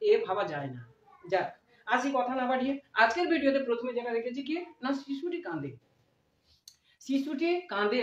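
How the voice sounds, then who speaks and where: A woman with a fairly high voice gives an English grammar lesson in Bengali. She repeats each example slowly and answers her own questions. The sound is muffled and lo-fi, with a roomy echo. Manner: repeats key phrases slowly and asks questions to answer herself. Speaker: English teacher and channel host. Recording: echoey, dull lo-fi room sound.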